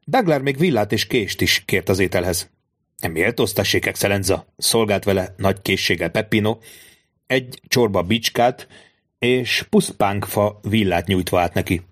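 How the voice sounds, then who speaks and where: A male narrator reads a classic novel aloud in steady, measured storytelling. His voice sits somewhat low. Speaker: audiobook narrator. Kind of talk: scripted literary narration.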